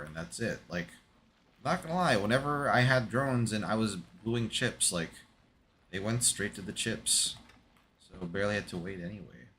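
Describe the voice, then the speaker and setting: A man's voice: sits low, fairly bright tone, a little hiss or hum. A man casually commentating a gaming livestream in a slangy, laid-back way. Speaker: streamer playing a horror game.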